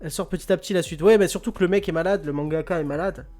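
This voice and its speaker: High-voiced quiz host joking along. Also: male voice, racing, a little mellow, faint music behind. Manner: joking, laughs often, repeats words. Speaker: host of an online quiz radio show. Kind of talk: casual quiz hosting, chatting with listeners.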